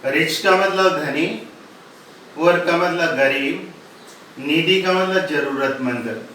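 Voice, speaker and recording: A man teaching English grammar in a recorded lesson, explaining slowly in Hindi and spelling example words out letter by letter. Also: a little high, pushed and bright, far from the mic. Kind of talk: recorded classroom-style lesson. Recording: echoey room, voice from off-mic, faint ambient noise.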